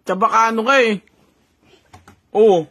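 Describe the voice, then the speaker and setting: A woman's voice: fairly high pitch, fairly even intonation, slow pace, a bit bright, slight background noise. A woman chatting casually with her talking pet, coaxing it with teasing questions. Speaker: pet owner.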